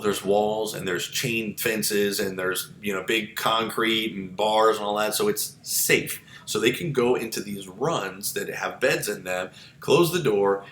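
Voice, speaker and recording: A male psychology instructor giving a chatty, digressive lecture full of asides and fillers. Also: fairly bright tone. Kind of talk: informal recorded lecture. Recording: echoey room with low rumble.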